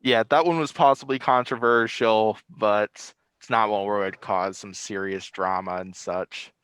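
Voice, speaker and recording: A man's voice: lowish voice, steady tone, normal speed, fairly bright tone, clear, resonant tone, no echo. A man speaking through a face mask as he hosts a casual video recap, rambling a little and repeating phrases. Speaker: host.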